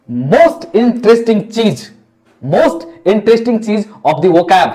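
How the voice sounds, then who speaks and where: A man's voice: a little high, darkish tone. A young man with a Bihari Hindi accent teaching English vocabulary as a lecture, asking questions and answering them himself, repeating words. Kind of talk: classroom lecture.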